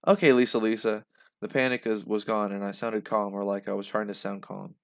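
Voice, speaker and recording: Animated young man reading a novel aloud. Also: on the low side, a little fast, vocal fry. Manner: animated, laughs and breaks off mid-sentence. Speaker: reader reacting live.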